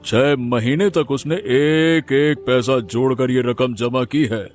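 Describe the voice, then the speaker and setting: Man voicing gentle wise cartoon uncle. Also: mid-range voice, takes it slowly, soft background music, natural voice. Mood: earnest. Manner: gentle, consoling. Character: kindly older neighbour uncle, gentle and wise. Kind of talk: Hindi cartoon voice acting.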